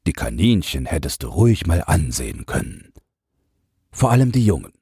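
A man voicing a kindly older man carrying a basket of rabbit feed, gentle and coaxing. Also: low voice, sing-song, moderate pace, slightly rough, no echo, studio quality, heavily acted. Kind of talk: audiobook character voice.

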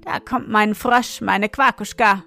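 A gentle frog bride from a storybook croaks deep and low, then settles into soft, unhurried comfort, as a woman puts her on. Her words come slowly and soothingly over faint music. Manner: croaks low before calm reassurance.

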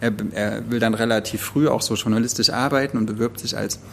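A man's voice: medium pitch, steady tone, fairly quick, creaky, slight background noise. A man from eastern Germany co-hosting a literary podcast, talking through a novel in a rambling, thoughtful way with many restarts. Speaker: podcast co-host. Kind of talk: casual book discussion.

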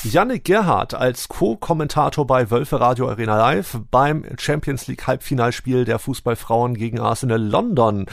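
A man's voice: mid-range voice, animated, normal speed, gravelly, hardly any pauses, dry recording, clean studio sound. A man hosting a podcast in a conversational presenting style. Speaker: podcast host.

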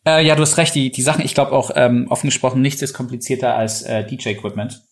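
A man's voice: mid-range voice, steady tone, fast talker, creaky. A man in his thirties, raised in Berlin, talking about his company in a casual interview, with many hesitations and restarts. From born in Ukraine, raised in Berlin. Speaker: company founder, guest.

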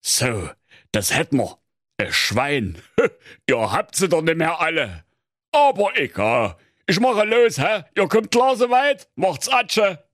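A man voicing a crude, blustering old king with a Saxon accent, jovial and quick with exclamations. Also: on the high side, very animated, fairly bright tone, no room sound, studio quality, pitched above the performer's own voice, heavily acted.

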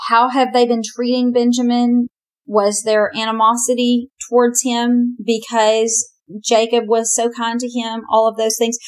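A woman teaching a Bible lesson in a conversational, animated way. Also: on the high side, measured pace. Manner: chatty, animated, often says "you know".

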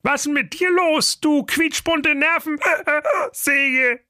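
A pushy, bureaucratic donkey who insists he is in charge, put on by a man. The voice sits high and bright, with a close, dry sound. It belongs in a comic audio fairy tale. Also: slow, no echo, heavily acted. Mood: bossy. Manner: bossy, impatient, bureaucratic. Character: bossy male donkey, laid-off railway crossing keeper.

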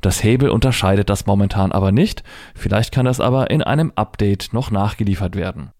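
A middle-aged man demonstrates a device in a conversational tutorial aimed at Braille users, carefully spelling out each letter and dot number step by step. He speaks fairly quickly in a fairly low, darkish voice, captured as clean studio sound with no echo.

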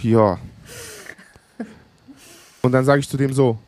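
A man of Greek background, co-hosting a podcast, telling a lively story in casual chat and acting out the other people's lines. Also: mid-range voice, slow. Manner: animated anecdote, acts out dialogue. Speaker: podcast co-host.

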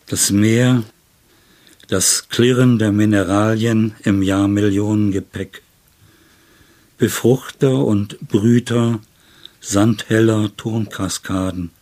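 An older German poet speaks reflectively in an interview that also includes a poetry reading. His voice is lowish with a darkish tone.

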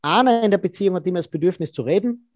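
A man, a body language expert being interviewed, who explains in a lively way and acts out quoted dialogue. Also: high-pitched, racing, no room sound, clean studio sound.

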